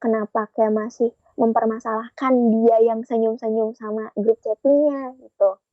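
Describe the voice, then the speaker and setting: Young woman, chatty storyteller, quotes dialogue, a bit high, dry lo-fi sound. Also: fairly even intonation, moderate pace, no echo. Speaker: guest sharing a relationship story. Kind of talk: casual podcast storytelling.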